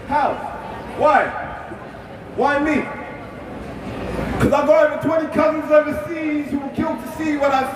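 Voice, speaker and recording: A man's voice: very high voice, noisy background. A young man from Australia performing a rhyming spoken word poem at an outdoor rally, in a rhythmic delivery. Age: young adult. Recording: echoey, distant outdoor PA.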